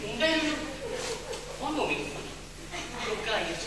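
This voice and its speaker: A woman's voice: on the high side, animated, very slow. A woman with a Sicilian accent acting a character in an amateur comic stage parody. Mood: comic banter. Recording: echoey hall, distant mic, noisy audience.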